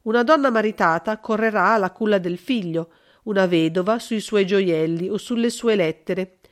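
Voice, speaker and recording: A woman reading a classic novel aloud as scripted narration, in an even, measured way. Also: mid-range voice. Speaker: audiobook reader.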